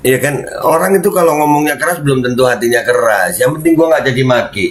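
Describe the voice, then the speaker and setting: A man hosting his own channel, talking loudly and heatedly in casual commentary. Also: medium pitch, echoey room, low-quality recording. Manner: loud, heated, then slipping into Arabic prayer phrases. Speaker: YouTube channel host.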